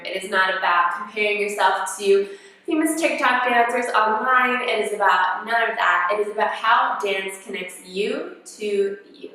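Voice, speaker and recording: A young woman with a sick, hoarse voice, a dance teacher talking earnestly to her channel viewers. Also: medium pitch, pushed and bright. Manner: earnest, repeats key phrases, calls viewers babes. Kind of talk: casual talk to camera. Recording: echoey room, a bit far from mic.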